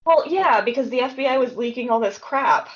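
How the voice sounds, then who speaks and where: A woman's voice: on the high side, expressive, a little fast, highs cut off. A woman co-hosting a casual true-crime podcast, retelling the case in a chatty way with lots of fillers. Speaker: podcast co-host.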